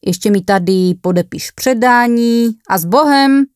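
A woman's voice: a little high, a little mellow, clean tone, no echo, clean studio sound, voice pushed up, close to an everyday voice. A woman voicing a rude, impatient young male paramedic who barks orders and mocks in coarse slang, in a horror story reading. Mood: mocking, impatient.

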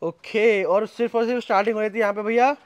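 Young guy vlogging a huge warehouse on his phone, talks fast and high, hypes everything. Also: fairly even intonation, clean tone, lo-fi sound. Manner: hype-driven, addresses viewers as friends. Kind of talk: fast promotional walkthrough. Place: large indoor warehouse.

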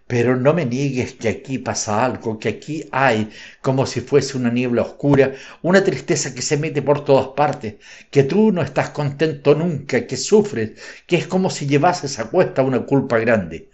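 A man's voice: mid-range voice, animated, normal speed, darkish tone, lightly acted. A male narrator voicing a resolute, devout young daughter who pleads earnestly with her father, in a slightly dull recording. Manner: earnest, insistent.

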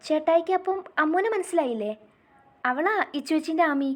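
A chirpy teenage girl, put on by a woman storyteller, teasing and excitable in a storybook love tale. Her voice sits high and lifts easily into eager bursts. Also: a little fast, natural voice. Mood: delighted. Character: cheerful teenage girl, playful and chatty.

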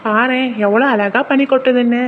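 A gentle, caring cartoon dad. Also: male voice, extremely high pitch, fairly even intonation, moderate pace, phone-quality sound, slight background noise. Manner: gentle, coaxing. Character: caring young father on a family holiday.

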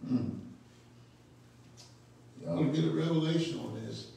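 Captured from afar in an echoey church sanctuary, a bishop teaches a midweek Bible study sermon in a slightly high, creaky, dark voice with a bit of hiss or hum. He takes his time, stretching out phrases and calling on the congregation to respond.

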